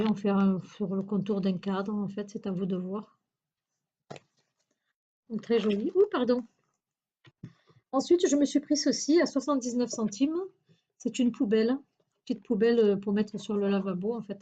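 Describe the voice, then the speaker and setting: A woman's voice: medium pitch, dark tone, highs cut off. A woman chatting through a shopping haul video, hesitant and searching for words with many fillers. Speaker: YouTuber showing a shopping haul. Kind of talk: casual haul video chat.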